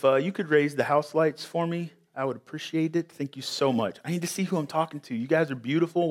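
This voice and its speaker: In a church sanctuary before an audience, a pastor delivers a sermon in a slightly higher-than-average voice. He opens with an anecdote, then builds to emphatic points, talking conversationally to his congregation with the occasional "uh."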